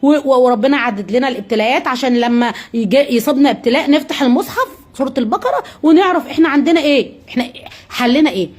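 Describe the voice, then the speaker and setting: A woman's voice: sits high, animated, fast. A woman with an Egyptian accent giving a live-streamed religious talk. She talks to her viewers directly in an earnest, coaxing way and keeps asking questions that she then answers herself. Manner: asks rhetorical questions and answers them herself.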